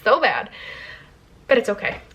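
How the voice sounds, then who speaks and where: A chatty young woman telling stories straight to her camera, her voice sitting a little on the higher side. She rambles along casually, peppering nearly every sentence with "like.". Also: wildly swooping pitch, a little slow, a bit bright. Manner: chatty, lots of "like" fillers. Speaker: vlogger, former theme park worker.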